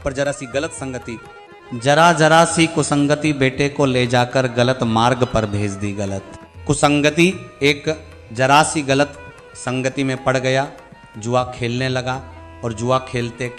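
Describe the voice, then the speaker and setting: A man telling a devotional story as a sermon, swinging between loud exclaiming and soft speech and repeating phrases for emphasis. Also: medium pitch. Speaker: religious storyteller preacher. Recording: reverberant hall with faint music.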